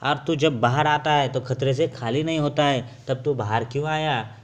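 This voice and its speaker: A male teacher voicing a proud, quick-tempered male lump of iron who protects and scolds, in a loud, commanding way. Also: mid-range voice, lightly acted. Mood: scolding.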